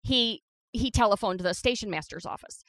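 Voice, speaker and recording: A woman co-hosting a podcast, recounting a history story in casual chat as a lively storyteller who holds her ground against interruptions. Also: medium pitch, moderate pace, no room sound. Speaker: podcast co-host.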